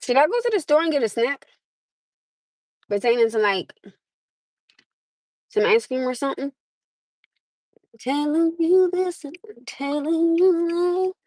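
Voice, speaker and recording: An American woman livestreams from her parked car on a phone camera, chatting casually with viewers, laughing often and calling them "my love." Her voice sits high with a darkish tone, and she talks unhurriedly with long pauses. The audio is poor but has no echo.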